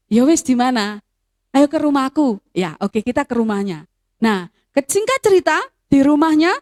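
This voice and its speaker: A female youth speaker with a high, slightly mellow voice shares a personal testimony in a sermon for young people. She tells it as a story and drops Javanese phrases into it.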